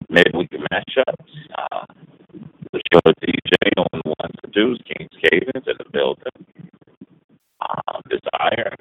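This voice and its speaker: A man hosting an online radio show in casual chat, his voice coming through choppy and garbled, as if he were talking into a fan. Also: deep voice. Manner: relaxed, with filler "uh"s. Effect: choppy, garbled audio, like talking into a fan. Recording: dry, tinny call-in line.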